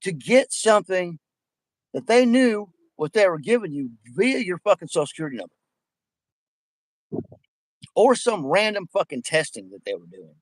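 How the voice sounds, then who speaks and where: A man's voice: high voice, big pitch swings, unhurried, long pauses, no echo, rough recording. A man with missing front teeth in a casual, profanity-laden rant, talking in a rambling, emphatic, repetitive way. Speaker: vlogger addressing viewers.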